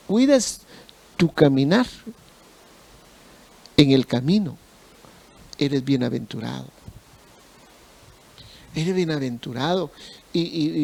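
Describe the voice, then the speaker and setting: A male pastor preaching a sermon slowly, repeating phrases for emphasis. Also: fairly high pitch, expressive, gravelly, darkish tone.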